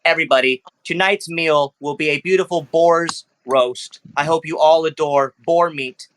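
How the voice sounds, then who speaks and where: A man's voice: a little high, moderate pace, fairly bright tone, close to an everyday voice. A man running a tabletop game, voicing a polite little robotic butler who formally announces dinner. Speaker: game master.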